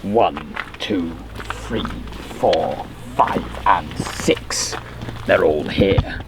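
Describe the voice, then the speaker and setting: A sinister masked alien overlord speaks in a very deep, booming tone. Each word is dragged out slowly and heavily. A metallic echo hangs on the voice, which is heard from afar over loud noise. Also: male voice, distant mic, full character voice.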